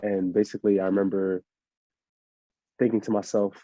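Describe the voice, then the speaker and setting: A relaxed young man answers interview questions in a low, very dark and flat voice, rambling with plenty of fillers. The sound is dry and a little muffled, with no room around it. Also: normal speed, no room sound. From Miami, USA. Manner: laid-back, rambling with many fillers. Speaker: interview guest, fighter. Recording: muffled lo-fi audio.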